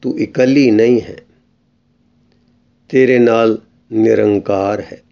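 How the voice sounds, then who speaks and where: A serene, gentle holy man, read by a man, speaking in a slow, solemn, measured way. His voice sits mellow and warm at a middle pitch. The sound is a little dull and lo-fi. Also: steady tone, gravelly.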